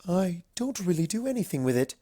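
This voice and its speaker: A narrator voicing a regal, reserved winged unicorn princess in a storybook reading, with formal, measured courtesy. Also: medium pitch, big pitch swings, warm tone, voice pushed up. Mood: matter-of-fact. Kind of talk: storybook character voice.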